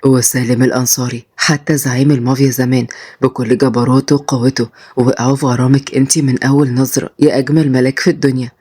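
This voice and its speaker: A woman voicing a repentant former mafia boss, a young man speaking gently and earnestly in Egyptian Arabic. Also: a bass voice, level tone, fast talker, breathy edge, pitched below the performer's own voice. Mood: tender.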